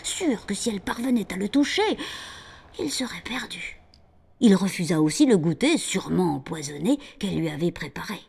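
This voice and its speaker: A woman narrating a children's storybook in an animated, expressive way, dropping at times into a hushed whisper. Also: mid-range voice, normal speed, gravelly, breathy edge.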